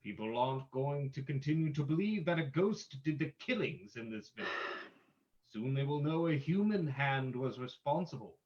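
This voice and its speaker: Commanding radio-drama sleuth , male actor: formal, theatrical, highish voice, widely swinging pitch. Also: expressive, normal speed, darkish tone. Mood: stern, menacing. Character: the Shadow, commanding unseen crime-fighting sleuth, adult man. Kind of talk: old-time radio drama reading. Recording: dull lo-fi audio.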